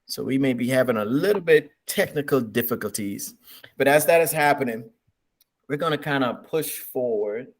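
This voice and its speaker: A man hosting an online interview on a video call, measured and encouraging, often repeating his words. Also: mid-range voice, animated. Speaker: host.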